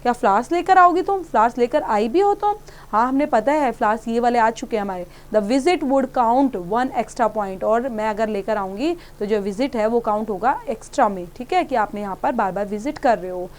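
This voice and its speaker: A woman teacher with an Indian accent who reads English lines slowly and then explains them to students in a conversational way. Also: a little high, animated, a little mellow.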